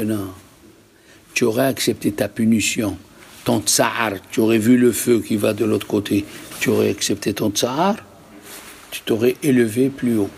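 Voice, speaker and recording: A rabbi teaching a religious lesson to a live group, emphatic and full of rhetorical questions. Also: male voice, mid-range voice, a little hiss or hum.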